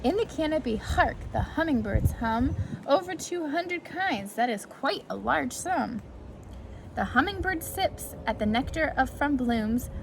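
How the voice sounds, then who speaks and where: Here a woman reads rhymes to little ones in an expressive, high voice, never rushing. It's a children's storytime with a sing-song rhythm and occasional quick asides from a picture book meant for preschoolers. Background noise makes it obviously an amateur recording.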